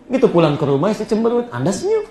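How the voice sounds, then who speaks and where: A man from Indonesia delivers a lively Islamic sermon, his fairly high voice climbing into sharp emphatic peaks as he tells stories. He slows right down to recite Arabic verses. The sound carries a roomy echo, as in a large hall. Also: a crowd in the background. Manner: animated storytelling with rising emphatic peaks; quotes Arabic verses slowly. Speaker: Islamic preacher.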